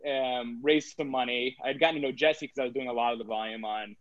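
A man's voice: medium pitch, fairly even intonation, fast talker, no echo. A man talking as an interview guest about his trading career, rambling and filling his sentences with "like". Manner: rambling, heavy use of filler "like". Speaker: guest, crypto trader. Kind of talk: casual interview talk. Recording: dull, slightly lo-fi dry sound.

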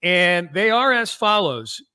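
Man, American, sports podcast host, slightly stuffy nose, bright forceful voice, very dry sound. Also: high-pitched, very animated, slow pace, clean tone, no room sound. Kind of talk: casual sports talk.

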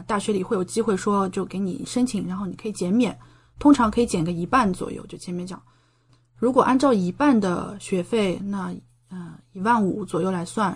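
The voice is a woman's, medium in pitch and slightly rough. Originally from China and now a medical doctoral student in Japan, she chats casually as a podcast guest, explaining things thoroughly and illustrating her points with plenty of examples.

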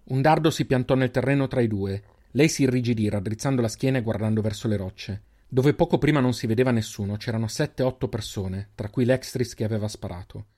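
A man reading a fantasy story aloud as narrator, with steady, measured pacing and dramatic pauses. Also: mid-range voice. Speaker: audiobook narrator. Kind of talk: scripted narration.

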